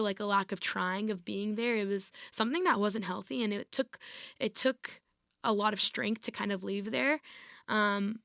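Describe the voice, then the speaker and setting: A woman's voice: medium pitch, vocal fry, a bit bright, no echo, clean studio sound. A woman in her twenties, a guest on an interview podcast, recounting her experiences casually with lots of "like" and "I was like". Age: 20s. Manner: retells events with frequent "like" and "I was like". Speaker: podcast guest, varsity athlete.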